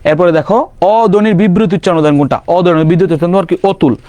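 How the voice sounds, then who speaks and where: A young man teaching grammar for an exam-prep class, firing quick questions and answering them himself, casually mixing in English words. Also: high-pitched, warm tone, dry recording. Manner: quizzing with rapid questions and self-answers. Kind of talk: online exam-prep lesson.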